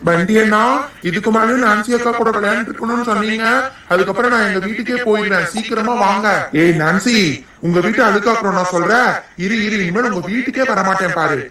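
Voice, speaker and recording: A man's voice: sits high, fast, bright, forceful tone, very echoey, far from the mic. A man voicing cheeky, boastful young boys in a cartoon, talking in a bold, teasing and argumentative way. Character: cheeky young boy playmates, boastful and quarrelsome. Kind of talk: cartoon dubbing.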